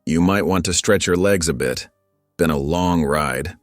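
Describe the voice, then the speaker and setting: Laconic, kind mountain man, very deep, voiced by a man, dry close sound. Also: unhurried, no room sound, faint music behind. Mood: plain, gentle. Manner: laconic, drawling plain talk. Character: quiet, kind, plain-spoken frontier mountain man.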